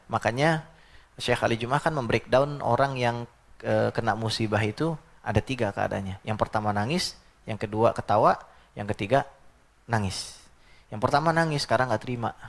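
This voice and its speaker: A man's voice: medium pitch, gravelly. A man preaching at a mosque lecture in a chatty way, often reciting Arabic verses and acting out other voices. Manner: conversational, quotes Arabic verses and acts out voices.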